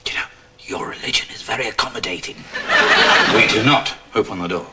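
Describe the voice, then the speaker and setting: A man's voice: mid-range voice, lively intonation, fairly quick, natural voice. A middle-aged actor playing a wry, sardonic single father. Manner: dry, sardonic. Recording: hissy broadcast recording.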